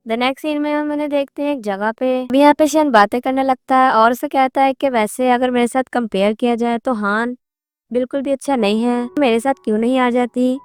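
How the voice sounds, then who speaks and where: Female narrator, high voice, plot recap in reported speech, faint music underneath. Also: clear, resonant tone. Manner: retells the dialogue in reported speech, mixing in English words.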